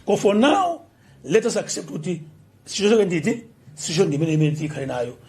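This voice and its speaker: A man's voice: high voice, sing-song, a little fast, a little mellow. A man with a Malawian accent making an appeal to the public in short phrases at a political briefing. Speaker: government official. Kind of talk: political address at a press briefing.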